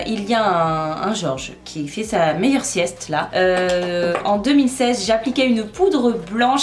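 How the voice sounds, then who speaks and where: A young woman chatting casually through a makeup tutorial, self-mocking and talking while she works. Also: medium pitch. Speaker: beauty vlogger. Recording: echoey room, faint music.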